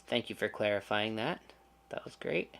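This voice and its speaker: A man's voice: on the low side, normal speed, creaky, a bit bright, slight background noise. A man hosting a casual livestream, chatting with viewers and making sarcastic, joking asides. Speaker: channel host.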